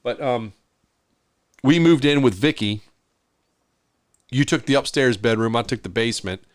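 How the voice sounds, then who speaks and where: Animated middle-aged man telling a story. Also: mid-range voice, unhurried, clean tone, no room sound, studio quality. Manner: animated storyteller acting out quoted voices. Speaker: podcast co-host. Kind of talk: casual storytelling chat.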